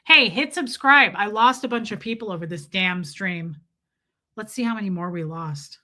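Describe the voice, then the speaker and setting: A Nashville-area woman with a Southern accent hosts a relaxed livestream, reading out comments and replying to viewers by name. Her mid-range voice is bright and forceful at a normal speed, and her chatty talk is full of restarts.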